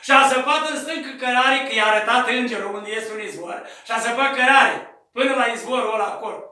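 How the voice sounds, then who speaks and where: Male priest, high bright voice, storytelling sermon, roomy echo, mic off at a distance. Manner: acts out voices in the story, shouting at peaks. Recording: echoey room, distant mic.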